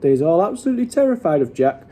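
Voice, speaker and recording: A kindly storybook giant, played by a man, with a husky, mellow voice. He explains things cautiously and confidingly, in quaint muddled grammar with a lively rise and fall. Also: on the high side, very fast, voice pushed up. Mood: confiding, earnest.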